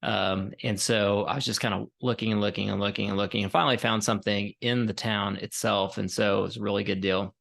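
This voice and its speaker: A man in his forties co-hosting a podcast, telling a rambling story in a relaxed, tired way with many fillers. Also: fairly low pitch, a little fast, creaky, few pauses. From Colorado, USA. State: tired, yawning. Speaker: podcast co-host. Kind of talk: casual chat.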